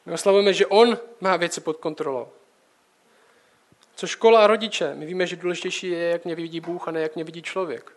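Young guy with a high voice doing a chill sermon, keeps asking the listener questions. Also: fairly even intonation. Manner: conversational, direct address with rhetorical questions. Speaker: preacher.

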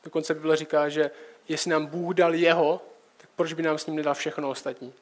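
High-voiced young man preaching casually. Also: flat delivery. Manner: conversational, direct address with rhetorical questions.

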